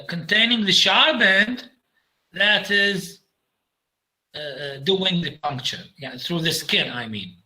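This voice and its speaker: Bright-voiced man lecturing with many fillers. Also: high-pitched, rough recording. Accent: Iraqi. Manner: halting, many fillers, switches into Arabic. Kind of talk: medical lecture over slides.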